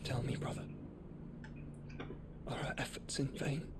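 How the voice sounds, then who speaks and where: An actor playing a brooding warrior, speaking solemnly in a video game. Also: male voice, mid-range voice, little pitch movement, measured pace, very noisy, close to an everyday voice. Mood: somber. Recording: game audio with loud music.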